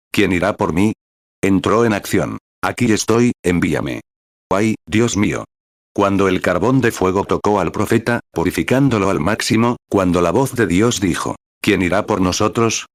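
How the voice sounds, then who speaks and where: A man's voice: low voice, dry recording, clean studio sound. A man reading a sermon in translation as a voice-over, in an earnest, solemn preaching manner.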